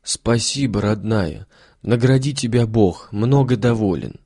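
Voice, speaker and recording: A man's voice: on the low side, a little slow, mellow, no echo, clean studio sound. A man reading as a meek, pious old beggar. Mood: reminiscing. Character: humble, timid old male beggar soldier.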